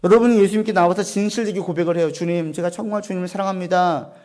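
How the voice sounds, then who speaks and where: Speaking quickly in a steady tone, a male pastor preaches in a church sanctuary. He puts questions to the congregation and answers them himself, going soft and low on the key points.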